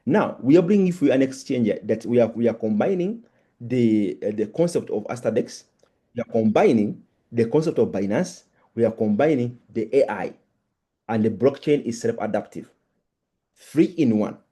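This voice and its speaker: A man with a mellow, slightly rough voice delivers a live crypto-bro sales pitch. He is emphatic and insistent, repeating key phrases. His delivery is halting, with stammered restarts. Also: lively intonation. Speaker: crypto promoter presenting on a live Zoom call. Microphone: online video call.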